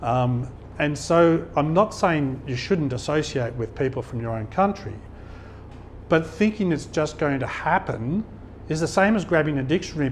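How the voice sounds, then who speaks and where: At a business networking event held in a function hall, a middle-aged Australian guest speaker talks conversationally to the audience. He shares anecdotes and laughs at his own tales in a medium-pitched voice, against a slight hiss or hum.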